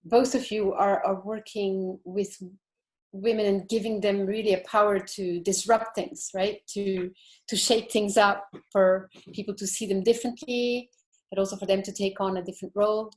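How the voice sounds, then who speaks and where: A woman's voice: mid-range voice, fairly even intonation, normal speed. A woman moderating a panel over a video call, thanking speakers and asking questions. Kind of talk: panel discussion.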